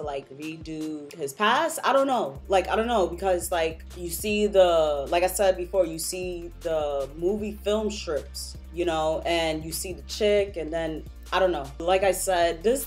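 A woman's voice: on the low side, darkish tone. Young woman, casual reaction video. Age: young adult. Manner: informal, slangy, chatty, addressing viewers directly. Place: small room at home, indoors.

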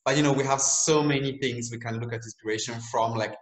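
A young man hosting a video-call interview, chatty and relaxed, laughing at himself. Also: medium pitch, quick pace. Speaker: host and game designer. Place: room at home. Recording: echoey room sound.

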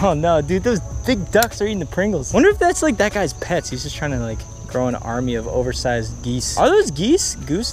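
A man in his twenties chatting excitedly to viewers on an outdoor fishing vlog, slangy and upbeat, recorded on an action camera by a pond. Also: on the high side. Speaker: fishing vlogger. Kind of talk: casual outdoor vlog commentary. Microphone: action camera, head-mounted and handheld.

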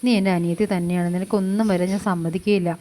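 A woman quickly retelling a TV serial episode, quoting each character's lines in turn with frequent fillers. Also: lowish voice, level tone, mellow. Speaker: serial review vlogger.

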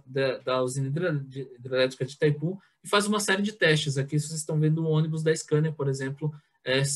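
A man in his thirties giving an online conference presentation over a headset mic, hesitant, with many filler sounds and restarts. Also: on the high side. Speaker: president of a biogas association giving a talk. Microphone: headset on a video call.

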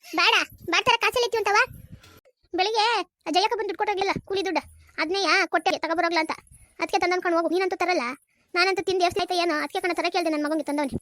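A performer voicing a sharp-tongued village wife, scolding rapidly in a cartoon. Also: very high voice, dry recording. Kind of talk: cartoon voice acting.

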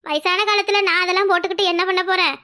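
A performer voicing a kind, gentle old village mother in a cartoon, with a Kanyakumari Tamil accent. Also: very high-pitched, fairly even intonation, racing. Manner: gentle, reassuring. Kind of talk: cartoon voice acting.

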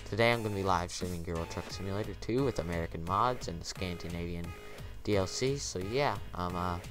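A man giving a casual, rambling gameplay commentary rant, aggrieved and halting, with lots of fillers. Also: deep voice, music in the background. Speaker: gaming YouTuber.

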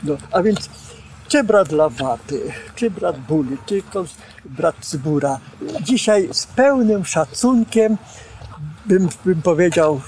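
An older man with a high voice recalls his teachers with lively, gesturing storytelling. He stands outdoors and is picked up on a boom microphone, with faint ambient noise around him. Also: slow. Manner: animated storyteller, gestures while speaking, acts out quotes. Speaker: former student and preacher recalling his teachers. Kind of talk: reminiscing interview. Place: outdoors on a campus lawn.

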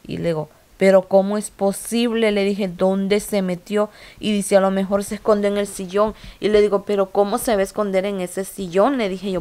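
Lady vlogging, lowish steady voice, tells it all emotional n repetitive. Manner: emotional, repetitive retelling with quoted dialogue. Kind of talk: casual storytelling to viewers.

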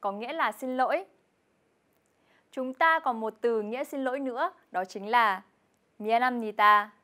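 A young woman co-hosting a scripted television language lesson, explaining patiently and repeating each example word clearly. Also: on the high side, a little fast, bright, forceful tone. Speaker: Korean language teacher co-host.

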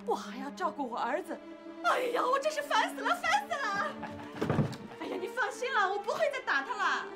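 Shrill scolding aunt. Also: female voice, big pitch swings, fast. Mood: complaining. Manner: scolding, sharp-tongued nagging. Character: shrill short-tempered aunt, young mother. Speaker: aunt and young mother. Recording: loud music score behind.

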